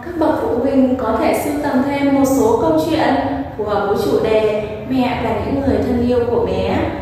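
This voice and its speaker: Preschool teacher woman talking to kids and parents, high voice, sing-songy, super echoey room, mic far off. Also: moderate pace, mellow, slight background noise. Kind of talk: addressing children and parents in a class video.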